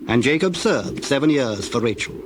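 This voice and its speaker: A man with a medium-pitched voice reads scripture in a formal, measured style like scripted storytelling, with lively intonation. Birdsong and cooing doves are clearly heard beneath him, and the background is noisy.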